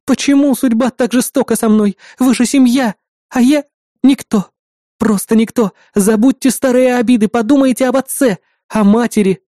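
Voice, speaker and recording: A woman's voice: on the high side, fairly even intonation, normal speed, mellow, dry recording, studio quality, lightly acted. A woman playing a sobbing melodramatic young actress. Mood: pleading. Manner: melodramatic, pleading stage delivery.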